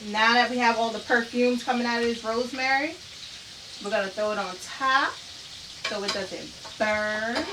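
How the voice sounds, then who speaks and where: A woman with a slightly high voice hosts a live cooking demonstration in her home kitchen, chatting and laughing easily with her viewers. She sounds a bit distant from the microphone. The loud sizzle of frying food fills the background. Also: moderate pace, noisy background. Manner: chatty and upbeat, often laughing. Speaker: cooking show host.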